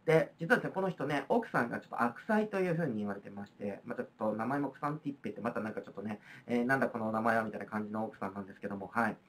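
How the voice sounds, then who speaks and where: A woman with a Kansai accent and a very deep, expressive voice teaches history in a recorded video lecture. She races through with few pauses, explaining chattily and using frequent fillers.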